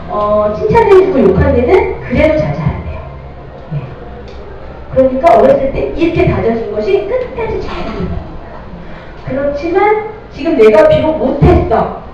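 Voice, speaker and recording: Middle-aged woman lecturing in an echoey hall. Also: sits high. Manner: lively, addresses audience with questions. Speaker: parenting lecturer. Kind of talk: parenting lecture to an audience. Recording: distant mic, dull lo-fi sound, echoey hall, noisy.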